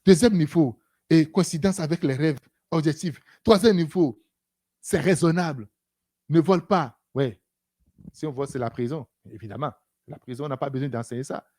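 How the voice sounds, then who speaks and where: A preacher giving an animated sermon, breaking it up with frequent hallelujahs and acted-out exchanges. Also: mid-range voice, moderate pace. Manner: animated, repeats "Alléluia", acts out dialogues.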